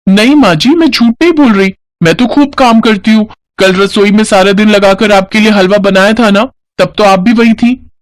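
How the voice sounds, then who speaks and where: A man's voice: high voice, moderate pace, dry recording, pitched above the performer's own voice, lightly acted. A man voicing a lazy, fibbing young daughter-in-law in a cartoon story. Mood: pleading.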